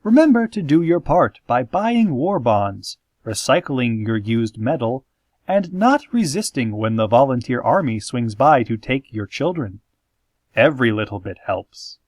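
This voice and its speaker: A man voices the radio host of a parody podcast, an eerie, calm announcer from a small town reading scripted mock news. He's deadpan, measured, and theatrical, his medium-pitched voice free of echo.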